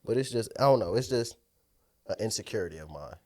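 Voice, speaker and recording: A man co-hosting a podcast banters casually in a voice that is on the low side, warm, animated and quick. He sounds congested and nasal, uses slang, and repeats himself for emphasis.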